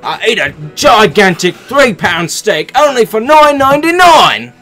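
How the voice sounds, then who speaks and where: A brash, hammy steakhouse ad pitchman with a put-on Australian accent, as a man puts him on. The voice sits high and bellows like a cheesy TV commercial. Faint music plays behind him. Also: sing-song, measured pace, pushed and bright, full character voice. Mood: whooping. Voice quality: hammy, exaggerated.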